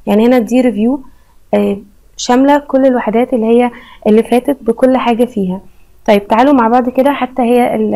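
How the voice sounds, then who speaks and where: A woman teacher with an Egyptian Arabic accent, patiently going through a children's English textbook and repeating each word slowly. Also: on the high side, warm tone, rough recording.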